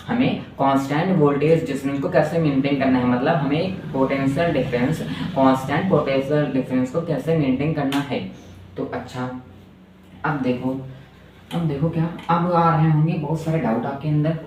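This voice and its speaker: A man's voice: a little high, moderate pace, darkish tone. A male physics teacher giving a lecture, repeating phrases and asking the class rhetorical questions. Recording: echoey distant room mic with faint noise.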